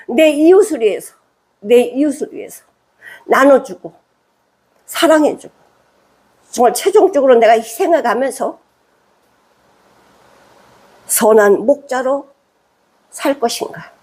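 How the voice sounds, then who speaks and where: A woman's voice: high-pitched, expressive, a little slow, long pauses, darkish tone, husky. A woman pastor preaching a sermon in a conversational way, reading scripture and then explaining it with rhetorical questions. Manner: reads scripture aloud, then explains it in plain speech.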